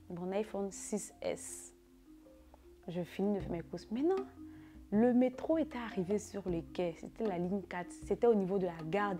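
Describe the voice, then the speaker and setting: A young woman recounts a personal story in a lively, swooping voice, circling back on her words with loose fillers. Music plays steadily underneath her. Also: mid-range voice. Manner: animated, repetitive retelling with fillers like "là" and "genre". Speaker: vlogger. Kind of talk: casual storytime.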